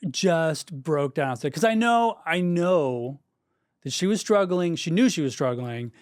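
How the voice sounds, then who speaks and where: A man co-hosting a podcast as a golf dad, telling his story with emphasis and swearing freely. His voice sits on the higher side for a man. The sound is dry and close, with no room in it. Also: lively intonation, a little slow, a little mellow, clean tone, dry recording. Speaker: podcast co-host; golf parent. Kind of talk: casual storytelling chat.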